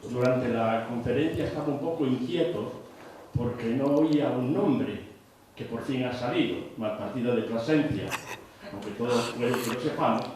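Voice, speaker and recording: In a cultural centre hall, an audience member reflectively and hesitantly recalls personal memories. His voice is medium-pitched, moderately paced, and a little mellow, picked up by a distant mic in a very echoey room with slight hiss or hum.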